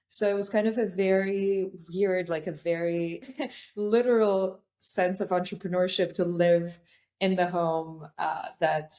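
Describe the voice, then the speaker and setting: A woman's voice: fairly low pitch, darkish tone. A young woman from Albania, a founder, talking thoughtfully in a podcast interview with many fillers and restarts. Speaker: guest, startup founder.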